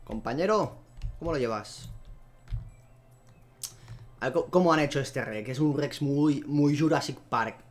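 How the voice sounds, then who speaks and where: A man's voice: mid-range voice, measured pace, long pauses, faint music behind. Chatty gamer man. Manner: chatty, talks to the animals and viewers, easily excited. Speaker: gameplay video host. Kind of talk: casual gameplay commentary.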